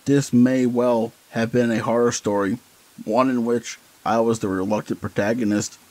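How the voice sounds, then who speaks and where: A man reading a horror story aloud as scripted narration, in a measured, deliberate way. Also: medium pitch, fairly even intonation, a little mellow, rough recording.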